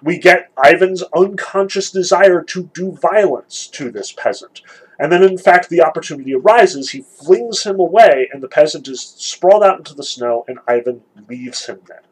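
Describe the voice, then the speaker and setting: A man's voice: a little high, animated, normal speed, breathy edge, rough recording. A man giving an informal literature lecture, talking loosely with many "like"s and "sort of"s and reading passages aloud from a novel. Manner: loose and conversational, full of "like" and "sort of".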